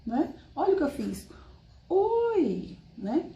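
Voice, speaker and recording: A woman's voice: medium pitch, animated, moderate pace, dark tone. Woman teaching a class in an echoey room. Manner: explanatory, addresses class directly with frequent tag questions. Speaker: sign language teacher. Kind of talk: live-streamed language lesson.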